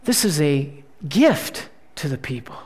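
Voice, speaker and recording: A preacher delivering a sermon in a conversational way, often checking in with the listeners, and swinging between emphatic bursts and hushed, slowed phrases. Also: mid-range voice, very animated, slightly rough. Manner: conversational preaching, frequent "right?" check-ins.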